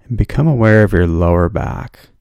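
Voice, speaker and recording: A man leading a guided progressive muscle relaxation, speaking in slow, soothing, drawn-out instructions. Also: sits low, expressive, gravelly, darkish tone, clear, resonant tone, no room sound, dull audio.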